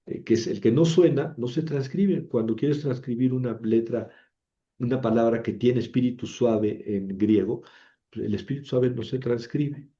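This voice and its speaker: A man's voice: medium pitch, dark tone, lo-fi sound. A man teaching Biblical Greek in a chatty, self-mocking lecture, repeating words to drill pronunciation. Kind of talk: informal classroom lecture.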